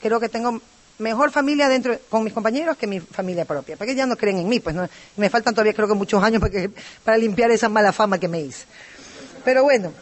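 A woman's voice: medium pitch, quick pace. A woman from Ecuador speaks with an Ecuadorian accent as she gives her personal testimony to a recovery group. She is talkative and rambling, piling on asides and tag questions as she goes. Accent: Ecuadorian Spanish.

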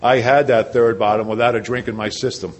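An earnest man from New Jersey, speaking at a recovery meeting, tells his personal recovery story in a medium-pitched, fairly even, brisk voice. He leans on rhetorical questions and repetition as he goes.

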